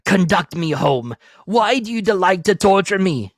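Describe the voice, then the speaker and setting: A man's voice: sits high, expressive, moderate pace, no echo, clean studio sound, pitched above the performer's own voice. A man playing a tormented, pleading old miser in a storybook reading, crying out in agitation. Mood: anguished, pleading.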